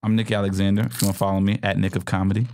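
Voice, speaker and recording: A man's voice: sits low, flat delivery, very fast, darkish tone, a little hiss or hum. A man co-hosting a comedy podcast in a studio, chatting casually and joking, often repeating words as he talks. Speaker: podcast co-host.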